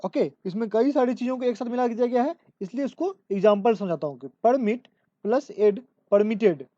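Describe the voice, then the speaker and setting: A woman teaching grammar in an exam-prep lesson, explaining step by step with lots of repetition and reading rules out slowly. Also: on the high side, expressive, dark tone, no room sound. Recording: dull lo-fi dry recording.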